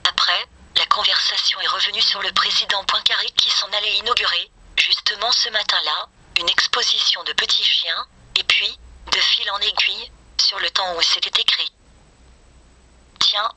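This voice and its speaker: Synthetic woman reader, very sharp, husky voice. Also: medium pitch, fairly even intonation, moderate pace, rough recording. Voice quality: synthetic, machine-generated. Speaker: synthetic text-to-speech reader. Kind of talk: scripted audiobook-style reading of a novel.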